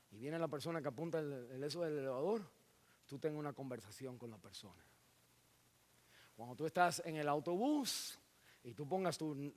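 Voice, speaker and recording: A man preaching a sermon in a church, acting out scenes with sudden shouts and dropping in English words. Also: fairly high pitch. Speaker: pastor.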